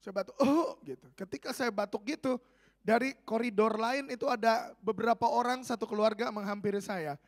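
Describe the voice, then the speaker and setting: Middle-aged male pastor, high voice a slight rasp, animated, playful sermon delivery. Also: a little fast. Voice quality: slightly raspy voice. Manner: animated, joking, swings between loud and soft.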